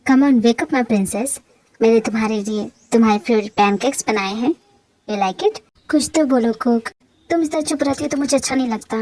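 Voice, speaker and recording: A woman voicing a tender young husband in a fan audio drama, speaking low and softly to comfort his wife. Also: normal speed, no echo, lightly acted. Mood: coaxing. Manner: soft, soothing, reassuring. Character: tender, devoted young husband, soothing and calm.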